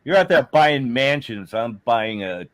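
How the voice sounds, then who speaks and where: A man's voice: mid-range voice, lively intonation, measured pace. A man in his sixties hosting a podcast, chatting casually in a crude, jokey way and laughing often. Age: 60s. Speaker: podcast host. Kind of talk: casual chat.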